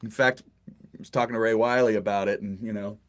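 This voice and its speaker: A man's voice: fairly low pitch, steady tone, fast. A man hosting a casual interview, joking wryly and reading out listener questions. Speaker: interview host.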